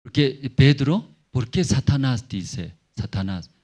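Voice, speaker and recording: A man preaching a sermon as pastor, in simple, halting phrases with many tag questions, swinging between emphatic high bursts and low murmurs. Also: lively intonation, darkish tone. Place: church.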